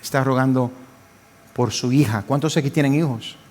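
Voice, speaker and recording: An older man, a pastor, preaching a fervent sermon that swings between loud pleading and quiet asides. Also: mid-range voice, normal speed.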